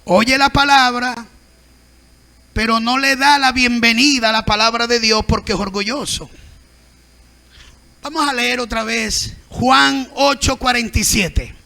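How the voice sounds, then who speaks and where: A man preaching at a Sunday Bible school as pastor, emphatic and sometimes shouting. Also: very high-pitched, fairly even intonation, measured pace, creaky, long pauses. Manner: emphatic, acts out the proud and the humble, sometimes shouting.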